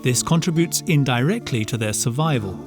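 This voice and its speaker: A man narrates a nature documentary in a scripted style. His pitch is in the middle range for a male voice, and music plays clearly behind him. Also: lively intonation, normal speed.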